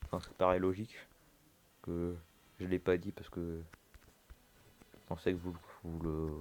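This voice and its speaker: Jumpy male horror game streamer, mellow low voice. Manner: talks to the game's objects and characters. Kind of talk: casual horror game commentary.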